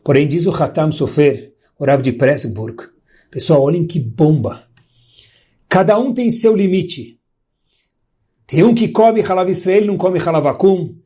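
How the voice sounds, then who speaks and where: A man with a Brazilian Portuguese accent gives a sermon as a religious teacher, telling a story and swinging his voice high and low, slowing down for emphasis. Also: mellow, husky.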